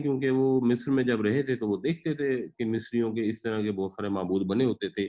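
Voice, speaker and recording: A man's voice: mid-range voice, a little mellow, dull audio. A man teaching a Quran class, patiently explaining grammar and pronunciation with everyday examples. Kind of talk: explanatory lecture.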